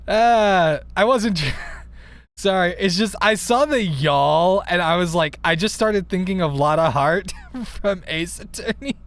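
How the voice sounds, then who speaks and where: A man's voice: high voice, animated, takes it slowly, a bit bright, no room sound. A man streaming a casual reading of a friend's story, narrating and breaking off with giggly, self-deprecating asides.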